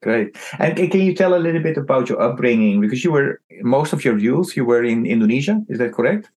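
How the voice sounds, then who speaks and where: A man's voice: mid-range voice, lively intonation, brisk, a little mellow, breathy edge. A man with a mid-range voice hosts an interview. He asks open questions in an encouraging way and backs the guest up with short acknowledgments. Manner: encouraging, with frequent backchannels.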